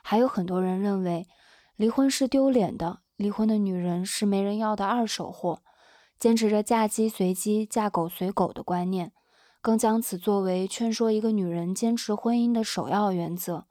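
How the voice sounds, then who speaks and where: Calm young woman narrating in a dry voice. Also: mid-range voice, no echo. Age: 20s. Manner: calm, measured storytelling. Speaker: interviewer and narrator, daughter of the guest. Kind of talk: scripted reflective narration.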